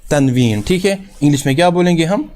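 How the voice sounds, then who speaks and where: A man's voice: on the high side, lively intonation, a little mellow. Guy teaching arabic grammar, asks then answers himself, keeps saying it's super easy, drags out the arabic words. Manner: asks questions and answers them himself, repeats key terms; reassuring, often says it is very easy. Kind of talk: recorded grammar lesson.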